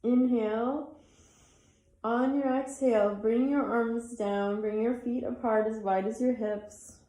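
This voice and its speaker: A woman leads a yoga class, giving pose cues in a mellow, tired voice. She chats between instructions as if her students were in the room. The room gives her voice a noticeable echo. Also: fairly high pitch, fairly even intonation, slow. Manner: chatty, apologizes for talking too much. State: tired, yawning. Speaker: yoga teacher. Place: athletic club room.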